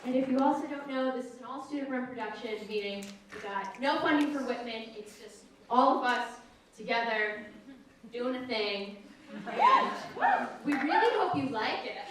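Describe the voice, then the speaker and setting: A woman's voice: fairly high pitch, expressive, moderate pace, noisy background. A young woman, the show's writer and director, giving a nervous, rambling curtain speech before a student play. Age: young adult. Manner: rambling, chatty and self-conscious. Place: theater stage. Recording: echoey hall from far off with audience.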